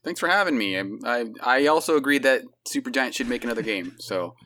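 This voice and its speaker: A man's voice: medium pitch, lively intonation, brisk, fairly bright tone. A man speaking casually as a guest on a podcast. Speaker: podcast guest, video game consultant. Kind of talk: casual chat.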